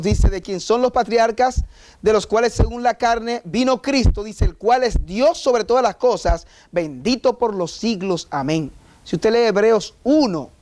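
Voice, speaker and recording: Man, pastor, high voice, emphatic sermon delivery. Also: darkish tone. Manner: emphatic, rhetorical questions, mock voices of objectors.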